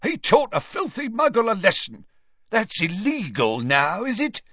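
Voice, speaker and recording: A man voicing a spiteful, sneering wizard father in an audiobook, given to jeering and shouting. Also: sits high, wildly swooping pitch, unhurried, breathy edge, dry recording, muffled recording, voice pushed up, exaggerated voice. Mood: sneering anger.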